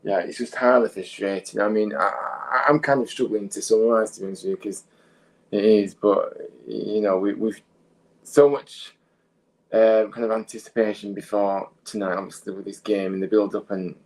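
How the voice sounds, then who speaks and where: A man's voice: fairly low pitch, fairly even intonation, moderate pace, darkish tone, poor audio. A man as a guest pundit on a football watchalong, talking the match over in a hesitant way. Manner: hesitant, searches for words. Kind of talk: casual football analysis.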